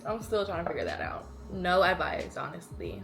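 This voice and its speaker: A woman in her early twenties answering questions as a content creator in a casual, animated, slangy and playful way. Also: lowish voice, moderate pace, vocal fry, over music. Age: early 20s. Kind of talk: casual chatty Q&A.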